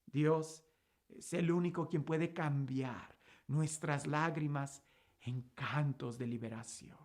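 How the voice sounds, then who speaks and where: A woman giving a sermon-style gospel reflection, asking repeated rhetorical questions and swinging between emphatic lines and hushed, soft ones. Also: sits low, fairly even intonation, takes it slowly.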